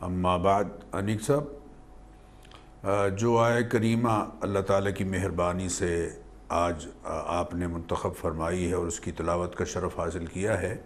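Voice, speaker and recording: A man, a religious scholar on a TV program, explaining scripture in a measured, learned manner and weaving in Arabic quotations. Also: sits low, little pitch movement, a little hiss or hum.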